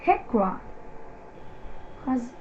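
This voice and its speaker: A woman giving live motorsport commentary, following the race move by move in halting, non-fluent English. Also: on the high side, very animated, darkish tone. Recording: muffled lo-fi audio with background noise.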